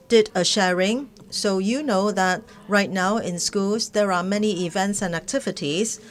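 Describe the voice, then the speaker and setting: A woman working as a live interpreter of webinar speeches, speaking haltingly, phrase by phrase. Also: medium pitch. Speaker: simultaneous interpreter.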